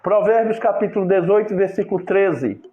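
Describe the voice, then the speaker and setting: A man preaching a sermon in a steady, instructive way. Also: high voice, normal speed. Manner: preachy, acts out couple's quarrels in quoted voices. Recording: echoey room over a tinny phone-like line.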